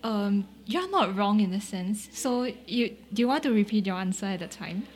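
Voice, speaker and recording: A woman's voice: mid-range voice, normal speed, a little hiss or hum. A woman from Singapore with a Singaporean accent, talking casually and often ending points with a questioning tag. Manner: relaxed, agreeable, with many "right?" tags and "mm-hmm". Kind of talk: casual conversation.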